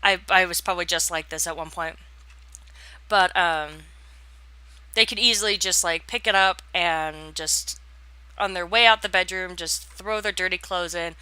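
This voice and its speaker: A woman's voice: lowish voice, moderate pace, bright, forceful tone, smooth, no room sound. A young woman giving casual, rambling voice-over commentary on a game build, full of fillers and restarts. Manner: yawns and laughs while talking. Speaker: gaming channel host.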